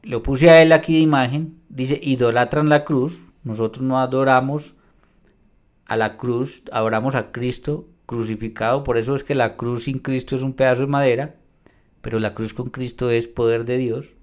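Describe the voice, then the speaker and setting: A man's voice: medium pitch, fairly even intonation, moderate pace. A man teaching from the Bible in a video response. He reads verses aloud with emphasis and argues directly with another pastor. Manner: addresses a rival pastor directly.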